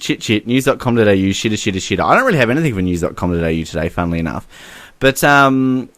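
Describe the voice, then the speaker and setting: Lively young man, laughing. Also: medium pitch, no echo. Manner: animated, laughing, many fillers like "like" and "um". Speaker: podcast co-host. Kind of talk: casual chat.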